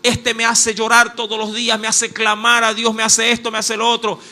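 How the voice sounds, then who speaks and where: A man's voice: extremely high pitch, monotone, moderate pace, sharp tone, exaggerated voice. A man voicing a weary woman complaining to God about her troublesome husband, in a plaintive tone. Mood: lamenting.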